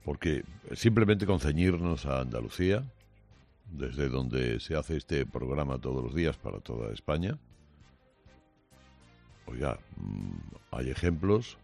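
A very deep, gravelly male radio host, delivering a combative morning opinion monologue. His delivery swings widely in pitch, sarcastic and biting, full of pauses and restarts. Faint music sits behind him. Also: lively intonation, a little mellow.

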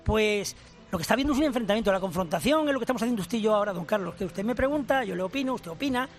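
Older man, high-pitched, emphatic professorial radio guest, faint music under. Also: expressive, very fast. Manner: emphatic, explanatory, addresses host formally. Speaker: language professor and author.

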